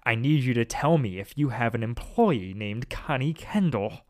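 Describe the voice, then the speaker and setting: A man's voice: mid-range voice, expressive, moderate pace, lightly acted. A man voicing a curt, cold villainous caller in a fan story. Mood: menacing. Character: menacing mystery caller, man, snarling villain.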